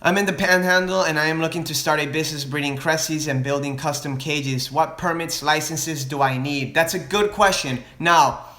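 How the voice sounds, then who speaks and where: A man's voice: a little high, normal speed, pushed and bright. A man answering viewer questions about his reptile business on a casual livestream, rambling with many restarts and switching between Spanish and English. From Florida. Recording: echoey room.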